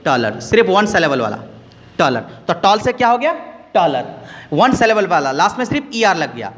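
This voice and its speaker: A man's voice: sits high, very animated, normal speed, a bit bright, big-room sound. A man teaching an English grammar lesson, explaining patiently, repeating key words and putting questions to his students.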